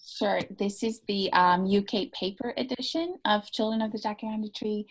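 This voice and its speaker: A woman guest on a video call interview, talking about her work thoughtfully with many pauses and restarts. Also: mid-range voice. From United States (born in Iran). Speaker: novelist guest. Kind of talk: casual interview talk.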